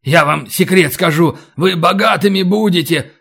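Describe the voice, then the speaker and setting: A man's voice: high-pitched, moderate pace, creaky, a bit bright, heavily acted. A man putting on a panicky begging bandit. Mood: pleading. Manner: pleading, panicky. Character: terrified young male bandit begging for life.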